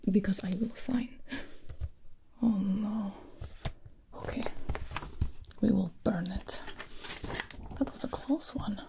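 Lady doing formal loyal servant, ASMR role-play, creaky n mellow, faint hiss. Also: mid-range voice. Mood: grave, protective. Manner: deferential, measured, precise. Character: devoted, formal, protective servant-like assistant.

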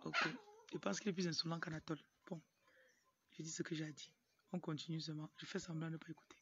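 Speaking fast in a deep, fairly bright voice with fairly even intonation, a young motivational speaker and livestream host gives an informal talk to camera in an outdoor yard, often going off on asides. She is from Cameroon, grew up in Tonga, and has a Cameroonian French accent. A phone at arm's length records muffled, noisy audio, with a rooster crowing and other background noise.

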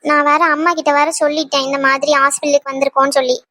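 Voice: high voice, level tone, very fast, bright, forceful tone. A performer voicing an anxious young wife in a cartoon who fires off worried questions. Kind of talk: cartoon voice acting.

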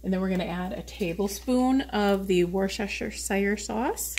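A woman's voice: medium pitch, a little slow, a little mellow. A woman hosting a casual home cooking video, chatting while she works in her kitchen. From United States. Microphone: camera on a tripod. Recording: noisy home kitchen recording.

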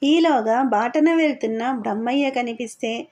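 A woman narrating an audio novel in a steady, reflective reading voice. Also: fairly high pitch, moderate pace, dull audio.

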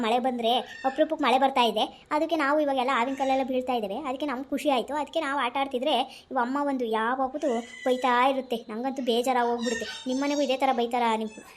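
A woman doing a cheeky little kid, high-pitched. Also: close to an everyday voice. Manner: pleading, teasing, talks back. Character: cheeky young child, defiant and playful. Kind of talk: comedy skit.

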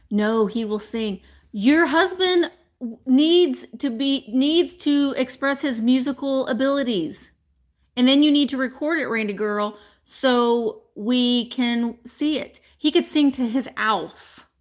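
A woman, chatting bubbly and fast to live viewers from a small room at home. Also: on the high side. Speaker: vintage reseller host. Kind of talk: casual live-stream chat.

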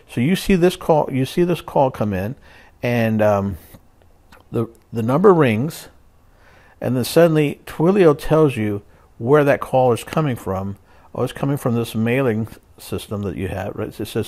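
A man's voice: medium pitch, darkish tone. A man with an ordinary mid-range voice talks through a technical setup in a casual tutorial. He checks in often with "okay" and "all right". He restarts phrases and fills gaps as he explains. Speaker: tutorial presenter. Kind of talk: casual screen-share tutorial.

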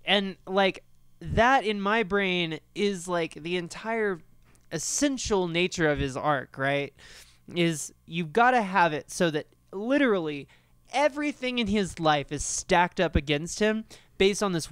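A man co-hosting a podcast, talking about a film in a rambling, animated, profane way. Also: high voice, clean tone, no echo. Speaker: podcast co-host. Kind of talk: casual film discussion.

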